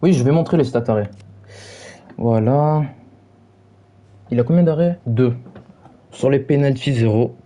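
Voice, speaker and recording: A man's voice: mid-range voice, measured pace, long pauses, dark tone. A young man streaming, reviewing match stats while mockingly taunting his chat in brash slang.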